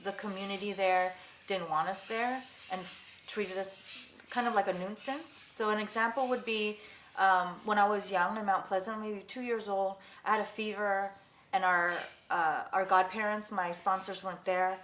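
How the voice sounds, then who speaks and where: Speaking at a normal pace in a steady, mid-range, slightly bright voice, this artist in her forties, Vietnamese-born and Los Angeles-raised, gives an oral history interview. She's reflective and frequently starts over, and the room echoes with faint background noise.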